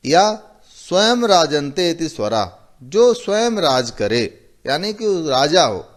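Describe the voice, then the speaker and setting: Slow, lively-voiced male teacher. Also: on the high side. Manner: explains slowly, repeating terms and giving examples. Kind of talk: recorded classroom lecture.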